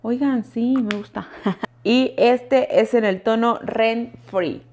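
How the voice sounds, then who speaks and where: A woman's voice: a little high, slow, darkish tone, a little hiss or hum. A woman giving a casual product review as a vlogger, chatting and talking straight to her viewers. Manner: chatty, keeps addressing viewers directly. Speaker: beauty vlogger.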